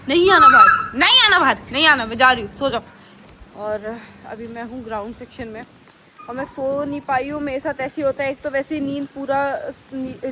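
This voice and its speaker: A woman who runs an animal shelter, chatting casually to her viewers and speaking with care so she doesn't trip over her words. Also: high-pitched. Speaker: animal rescuer running a shelter. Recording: noisy phone recording with rain behind.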